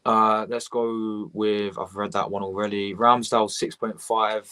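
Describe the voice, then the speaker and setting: A young man, rambling excitably as he reacts live to a match and chats with viewers. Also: lowish voice, a little slow, smooth. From England. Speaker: fan channel host.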